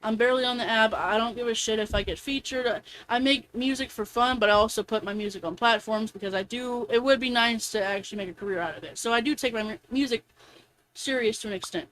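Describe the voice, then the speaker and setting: A woman's voice: a little high, quick pace, a bit bright, a little hiss or hum, poor audio. A young woman streamer in casual chat, venting animatedly and quoting people in a raised voice. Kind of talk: casual chat while gaming.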